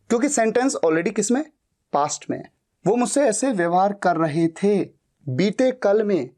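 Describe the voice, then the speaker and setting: A man teaching grammar in Hindi, slow and deliberate, repeating phrases and asking rhetorical questions. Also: high voice, darkish tone. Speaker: English teacher. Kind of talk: Hindi-language English grammar lesson.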